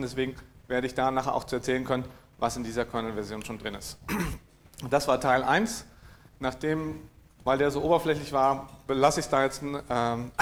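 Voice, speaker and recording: A man from giving a technical conference talk, dry in manner, hesitant with many fillers and frequent throat clearing. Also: medium pitch. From East Frisia, northern Germany. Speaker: conference speaker. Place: lecture room at a conference.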